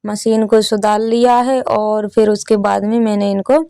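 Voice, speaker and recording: A woman's voice: medium pitch, little pitch movement, a little slow, gravelly, mellow, clear, resonant tone, dry recording. A young woman narrating her daily home and farm chores as a vlogger, chatting casually with her viewers. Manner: chatty, addresses viewers as friends. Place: rural home with farmyard.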